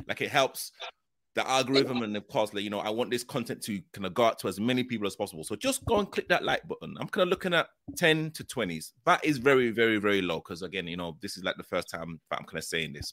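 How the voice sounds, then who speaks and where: A man's voice: medium pitch, sharp tone, no echo. A man casually hosting a live show, speaking in a hesitant, repetitive way with many filler phrases. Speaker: host.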